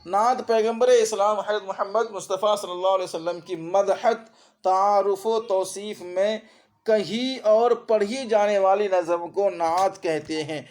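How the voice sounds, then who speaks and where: High-voiced man teaching Urdu grammar. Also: darkish tone. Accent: Urdu, as spoken in India. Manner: explains by repeating terms and asking quick checking questions. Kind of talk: exam-prep grammar lesson.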